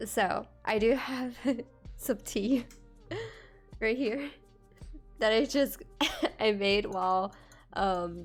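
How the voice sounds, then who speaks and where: A congested woman streamer chatting casually with her viewers, laughing often as she talks. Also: medium pitch.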